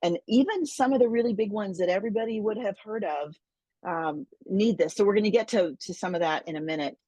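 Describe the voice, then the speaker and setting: A woman's voice: mid-range voice, fairly quick, dark tone, dry recording. A woman hosting an interview, enthusiastic, often repeating words as she restarts her sentences. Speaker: host, interviewer. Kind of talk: friendly interview chat.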